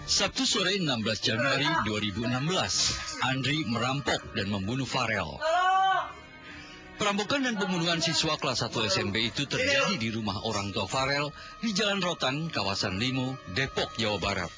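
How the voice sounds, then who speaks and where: A male narrator reads a crime report, his pitch sweeping up and down for drama. The sound is dull and lo-fi, and clear music plays beneath him. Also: sing-song, normal speed. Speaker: news narrator.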